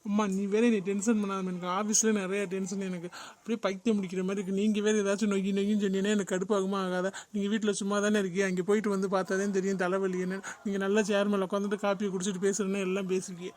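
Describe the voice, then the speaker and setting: A man voicing a stressed, irritable young husband in a cartoon, talking fast and complaining. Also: sits high, flat delivery, darkish tone, slight background noise, natural voice. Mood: irritated. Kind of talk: cartoon voice acting.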